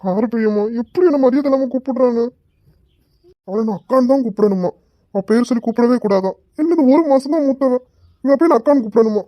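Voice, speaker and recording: A woman's voice: on the high side, quick pace, warm tone, no room sound, natural voice. A woman playing a cheeky young man who whines and talks back to his bossy elder cousin in a comedy sketch. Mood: indignant. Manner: whiny, cheeky backtalk. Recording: dull, dry lo-fi recording.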